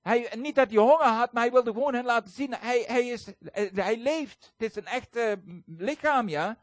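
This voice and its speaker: A man with a high, bright-sitting voice preaches in a lively, chatty way, stumbling over fillers now and then. He slips into the voices of the people he quotes as he tells his stories. The sound is dry and close, with no room around it. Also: moderate pace, no echo. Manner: animated storytelling, acts out quoted voices; conversational, frequent hesitations. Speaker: guest preacher. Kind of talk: sermon.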